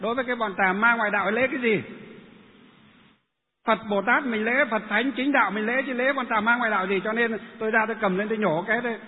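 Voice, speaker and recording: A man's voice: high voice, quick pace. A man who is a Buddhist monk, telling a story and asking himself questions. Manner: lively, rhetorical questions. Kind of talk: storytelling talk. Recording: tinny phone-like sound with long reverb and faint noise.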